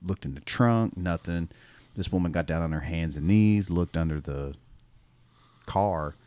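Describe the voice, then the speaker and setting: A schoolteacher on a podcast he co-hosts relates a story in a low voice, a little slowly and with no echo. His telling is easygoing and wandering, sprinkled with fillers like "um" and "you know," plus the odd laugh.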